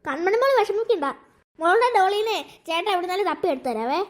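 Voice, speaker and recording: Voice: very high-pitched, animated, fairly quick. A performer voicing a caring older brother in a cartoon, talking in a coaxing way. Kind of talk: cartoon voice acting.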